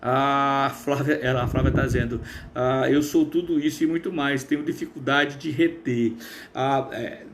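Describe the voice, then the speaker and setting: A man, hosting a casual live stream as a therapist, chatty and full of fillers, with a trained, smooth voice. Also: mid-range voice, steady tone, normal speed, slight background noise. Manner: chatty, reads viewer comments aloud with many fillers.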